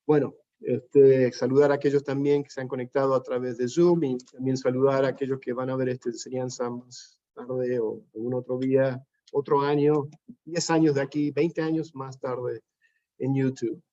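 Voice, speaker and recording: A man leads an informal Bible class, his voice mellow and relaxed. He talks loosely, dropping fillers and asking rhetorical checks of his listeners, on a slightly dull, lo-fi recording. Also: medium pitch, moderate pace. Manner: conversational, many fillers like "este" and "¿no es cierto?". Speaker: pastor teaching a Bible study.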